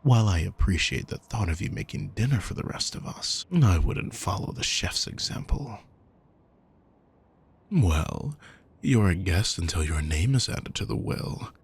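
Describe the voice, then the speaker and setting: Speaking close and intimately to the listener, this man plays a possessive, menacing aristocrat, his deep voice husky and gravelly, his intonation lively and his pace measured. The performance is exaggerated, smooth-worded, condescending and darkly sardonic, with a darkly amused mood.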